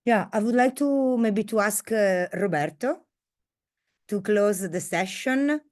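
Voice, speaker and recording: A woman moderating an online seminar over a video call, talking hesitantly with many pauses and fillers. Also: mid-range voice, lively intonation, darkish tone.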